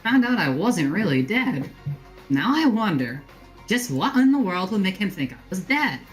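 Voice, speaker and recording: A woman's voice: mid-range voice, big pitch swings, normal speed, faint music behind, voice pushed up, lightly acted. A woman voicing a gleeful, theatrical young female villain mastermind, mocking and dramatic in an online role-play. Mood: taunting. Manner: mocking, sing-song, dramatic.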